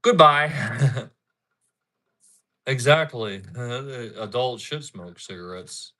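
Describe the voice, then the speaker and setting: This man in his thirties takes it slowly, his mid-range voice carrying a sharp tone as he chats casually on a live stream. He rambles, circles back to repeat himself, and answers his chat.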